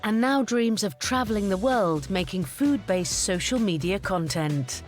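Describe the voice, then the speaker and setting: Lively British woman narrating. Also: medium pitch, unhurried, soft background music. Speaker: show narrator. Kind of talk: scripted narration introducing contestants.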